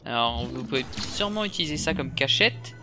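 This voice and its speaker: A man's voice: mid-range voice, lively intonation, fairly quick. A man with a French accent casually commenting on his video game as he plays, reacting aloud and talking to the enemies. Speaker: video game let's player. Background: game music.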